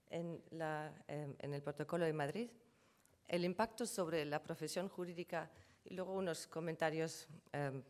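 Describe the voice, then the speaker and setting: A conference speaker on trademarks, a woman whose first language is German, walks through figures from her slides step by step, often correcting herself. Her voice is low-pitched with a darkish tone.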